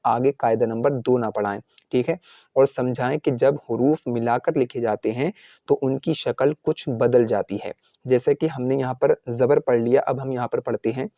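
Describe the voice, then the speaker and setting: A man teaching Quran reading, patiently sounding out letters syllable by syllable in a slow step-by-step drill. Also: mid-range voice, vocal fry, mellow, dry recording.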